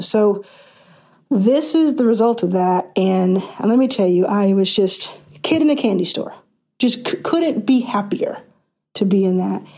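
A woman podcast host with a mellow, warm tone, chatting in a casual, excited way. She sounds a little out of breath and keeps tripping over her own words, restarting sentences as she goes. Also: medium pitch. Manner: excited, restarts often, laughs. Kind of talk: casual podcast intro and interview.

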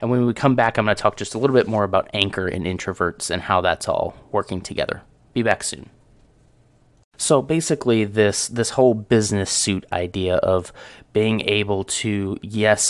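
A man talks into a close microphone in a relaxed, conversational way, musing aloud to his listeners. His voice sits a little low, and the sound is dry, with no room around it. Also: no room sound. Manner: reflective, conversational, self-aware. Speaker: audio show host. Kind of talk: casual solo talk. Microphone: close studio microphone.

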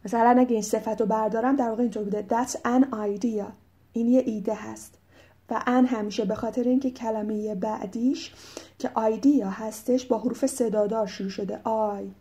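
A woman teaching English, with a Persian accent and a mellow, slightly high voice. She explains patiently and reads the English examples slowly and clearly. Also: fairly even intonation. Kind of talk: explaining vocabulary.

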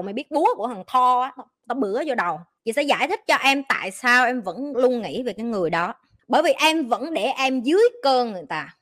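A middle-aged woman answers listener questions on her advice podcast. She talks bluntly and scolds in slang, with a fairly high voice and plenty of animation. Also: fairly bright tone. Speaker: life coach host.

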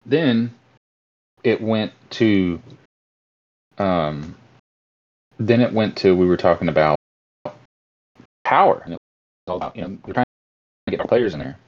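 Low-voiced man, dropping-out line, clipped word endings, muffled call audio. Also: animated. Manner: rambling, halting with many restarts. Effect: choppy connection with cut-off endings. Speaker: podcast guest, online gamer. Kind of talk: casual chat on an online call.

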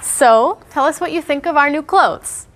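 A woman's voice: high voice, a little slow. A woman acting a chatty young woman in a scripted learner dialogue, in a played-back clip. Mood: cheerful.

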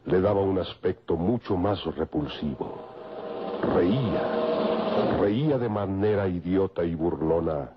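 A man's voice: low voice, takes it slowly, noisy background. A man giving dramatic scripted radio narration in a grave, florid storytelling manner. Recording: dull lo-fi radio with loud music.

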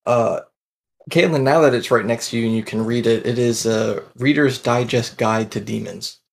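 Man, game master, tabletop narration, hesitant, gravelly, husky. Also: mid-range voice, normal speed. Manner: relaxed, hesitant narration with fillers.

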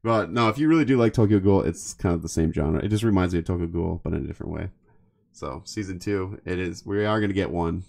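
Very deep gravelly man chatting casually. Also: darkish tone. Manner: rambling, halting restarts. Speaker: podcast co-host. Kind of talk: casual chat about anime.

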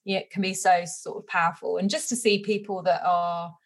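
A woman's voice: lowish voice, flat delivery, brisk. Chatty British woman guest. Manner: chatty, many fillers and laughs. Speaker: sobriety coach guest. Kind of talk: casual interview chat. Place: home bedroom.

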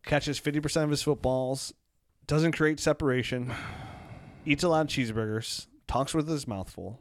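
A man's voice: medium pitch, normal speed. A man co-hosting a fantasy football podcast, who rambles, jokes and roasts players in casual chat. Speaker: podcast co-host.

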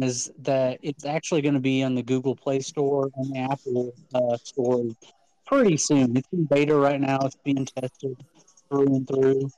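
A man's voice: medium pitch, warm tone, no echo, low-quality recording. A man co-hosting an online audio talk show, speaking in a casual, enthusiastic and persuasive way with frequent restarts. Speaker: co-host of a crypto talk show. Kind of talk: casual chat.

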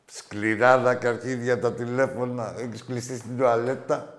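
A man hosting a call-in show, talking bluntly with plenty of swearing, jumping between loud outbursts and low muttering. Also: little pitch movement. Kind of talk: casual call-in banter.

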